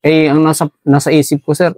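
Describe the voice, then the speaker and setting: Brief: soldier man from basilan, respectful and halting, slightly high pitch, dry close sound. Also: flat delivery, darkish tone, no room sound. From Basilan, Philippines. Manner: deferential, says "sir" after nearly every phrase, halting. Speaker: army staff sergeant. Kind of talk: interview answers.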